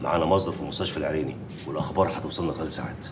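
An actor playing a hurried Egyptian newspaper editor who barks orders and brushes off worries in a TV drama. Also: male voice, rumbling low, a little hiss or hum. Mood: brisk. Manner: brisk, bossy, gives orders. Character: hurried male newspaper boss, commanding. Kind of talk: TV drama acting.

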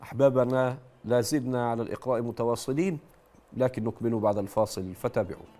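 A middle-aged man with an Egyptian accent who hosts a show and gently corrects callers' Quran recitation, demonstrating words slowly. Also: medium pitch. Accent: Egyptian Arabic. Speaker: Quran recitation teacher and host.

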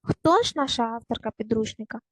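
A woman teaching a recorded primary school lesson, giving clear, patient step-by-step instructions to young children. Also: on the high side, lively intonation, fairly quick, dry recording, poor audio.

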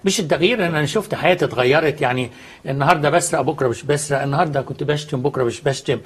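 A man's voice: on the high side, very fast, breathy edge. A man with an Egyptian accent, a studio guest explaining faith earnestly and answering his own questions.

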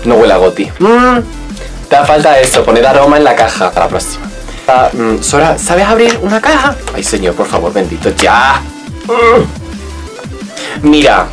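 Camp, lively Spanish makeup vlogger man. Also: medium pitch. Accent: Spanish from Spain. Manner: camp, playful and exclamatory. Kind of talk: casual unboxing chat.

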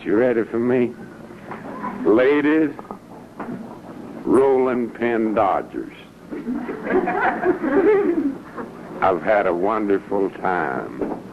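A man's voice: on the low side, wildly swooping pitch, phone-quality sound, background noise. A man joking through a spoken greeting on an old wire recording. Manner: joking, drawn-out speech.

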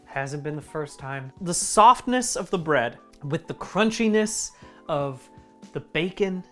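A man's voice: a little high, lively intonation, takes it slowly, pushed and bright, soft background music. A man hosting a comedic cooking demo in his home kitchen, joking and mocking himself as he cooks. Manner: playful, jokey, self-mocking. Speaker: cooking video host.

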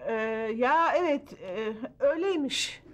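A woman's voice: sits high, expressive, a little slow, noisy background. A flustered fibbing mother. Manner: flustered, stalling with fillers. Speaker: mother, covering for her family. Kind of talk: sitcom acting.

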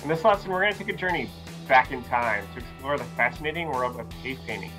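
A man's voice: medium pitch, expressive, fast talker, over music. A man in his thirties, an art teacher giving an enthusiastic online art lesson to young children. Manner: upbeat, enthusiastic, talks to children. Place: virtual classroom backdrop, indoors.

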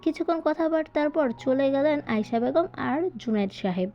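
In a dramatic audiobook reading of a scripted story, a woman with a high-sitting voice and lively intonation narrates at a normal pace. Music plays behind the dull, lo-fi recording.

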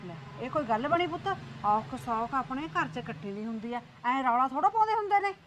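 A woman playing a patient, worried village mother-in-law in a Punjabi short film. She soothes and pleads in a slightly high voice. Faint noise sits behind her. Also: lively intonation, a little fast, a bit bright. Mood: soothing.

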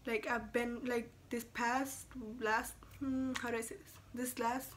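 A woman's voice: on the high side, flat delivery, unhurried, a little hiss or hum. Rambling young woman with braces. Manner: rambling, frequent fillers and self-corrections, casual swearing. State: speaking with braces. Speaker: vlogger. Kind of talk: casual vlog chat.

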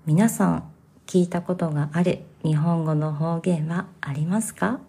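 A woman from Kansai, the host of a podcast, explaining Japanese to learners in a slow, careful, soft-spoken way. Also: lowish voice, creaky, slightly rough.

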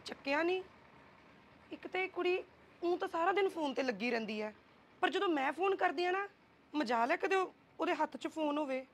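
A woman's voice: very high voice, lively intonation, a little fast. An actress playing a chatty young woman teasing her cousin about an unanswered phone.

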